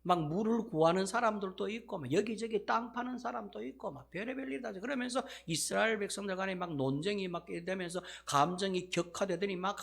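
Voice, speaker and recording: A male pastor preaching a sermon, telling the story with animated swells in volume and the frequent filler "막". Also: high voice, creaky.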